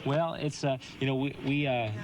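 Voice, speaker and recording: A man's voice: medium pitch, fairly even intonation, moderate pace. A man working as a customer service agent, talking on calls and in an interview. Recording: loud noise, busy call centre.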